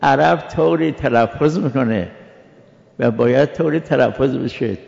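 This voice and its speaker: Male religious lecturer, very gravelly voice, patient and explanatory, pronouncing sounds slowly. Dull, reverberant lecture-hall recording. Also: medium pitch, darkish tone. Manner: spells out Arabic letter sounds slowly, explanatory. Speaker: religious scholar teaching. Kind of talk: jurisprudence lecture.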